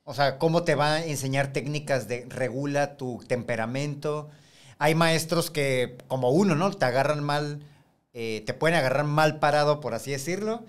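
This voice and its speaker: Lively man telling classroom stories. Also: fairly high pitch, moderate pace. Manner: animated storytelling, acts out voices in anecdotes. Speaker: podcast co-host, former teacher. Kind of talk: casual chat.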